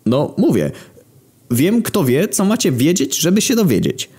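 A man voicing an excitable Greek man who rambles in breathless squeals. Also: medium pitch, moderate pace, pitched above the performer's own voice, close to an everyday voice. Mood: eager. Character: excitable fast-talking Greek man, shrill and frantic.

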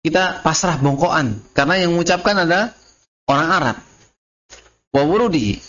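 A man's voice: a little high, expressive, moderate pace, a bit bright. A man with an Indonesian accent teaching a casual classroom lesson on Arabic grammar, repeating and explaining terms as he speaks to his students. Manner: casual, addresses listeners as "Mas" and "antum". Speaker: religious teacher. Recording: muffled lo-fi class recording.

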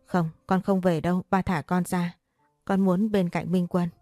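A woman's voice: fairly low pitch, little pitch movement, a little slow, no echo, studio quality, soft background music, close to an everyday voice. A woman voicing a jealous frantic young woman. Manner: threatening, shouting.

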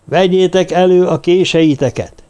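A fanatical druid mage barks orders in a raised, screeching voice, as a male audiobook narrator puts him on. The tone is commanding and bloodthirsty, pitched well above the reader's own dark voice, loud and forceful. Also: clear, resonant tone, natural voice. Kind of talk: audiobook character voice.

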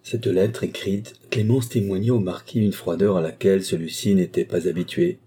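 Low, husky male audiobook narrator. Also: steady tone, moderate pace, mellow. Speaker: audiobook reader. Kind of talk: scripted narration.

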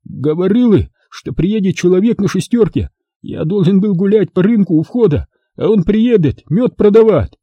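A man's voice: high voice, lively intonation, breathy edge, dry recording, dull audio, voice pushed up. A man voicing a terrified, pleading young male captive in an audiobook. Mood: frightened. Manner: frightened, pleading, halting. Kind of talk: audiobook character voice.

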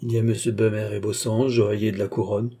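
A man voicing an obsequious, eager male chancellor in a classic French audiobook, pleading and flattering. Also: fairly low pitch, fairly quick, close to an everyday voice. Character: fawning, eager middle-aged male chancellor.

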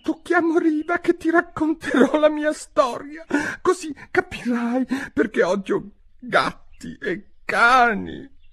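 A man voicing a tiny, easily offended male mouse with a shrill, squeaky, trembling voice in a storybook reading. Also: very animated, unhurried, sharp tone, slightly rough, heavily acted. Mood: tremulous. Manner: trembling, indignant outbursts.

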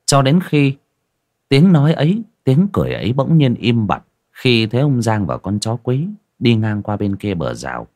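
A man narrating a story in a measured, expressive way. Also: medium pitch.

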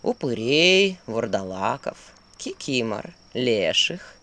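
A smirking, sardonic owl, put on by the storyteller who drops barbed remarks. The voice moves lively up and down in pitch, every line carrying a sly sneer. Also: slow pace, exaggerated voice. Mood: mocking.

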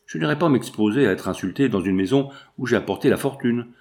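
A man's voice: mid-range voice, animated, fast, darkish tone, close to an everyday voice. A man reading the lines of a proud, vindictive woman of sixty in a novel, indignant and cold.

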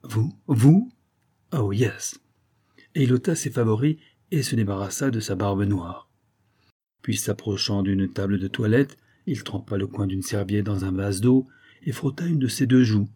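A man narrating a 19th-century novel aloud in a measured, steady reading. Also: fairly low pitch, husky. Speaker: audiobook narrator.

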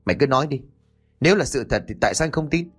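A man's voice: mid-range voice, animated, racing, breathy edge. A man reading the part of a stern, protective older brother who talks bluntly and gives orders. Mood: pressing. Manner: blunt, commanding.

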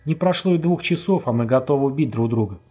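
A man voicing a tough young man who speaks grimly and harshly, with a husky voice. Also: mid-range voice, expressive, fast, mellow. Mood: grave. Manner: grim and harsh.

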